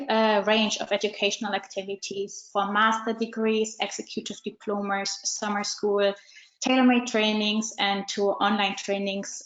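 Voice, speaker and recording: A woman introducing an online panel as moderator, measured with frequent fillers, over a video call. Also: mid-range voice, echoey room, low-quality recording. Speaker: webinar moderator.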